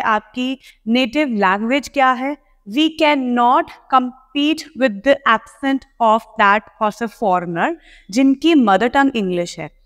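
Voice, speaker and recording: A woman's voice: a little high, a bit bright. A woman PTE coaching teacher, explaining pronunciation to students in a spoken lesson. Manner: explanatory, addresses students directly. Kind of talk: spoken lesson in Hindi-English mix. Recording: long hall reverb.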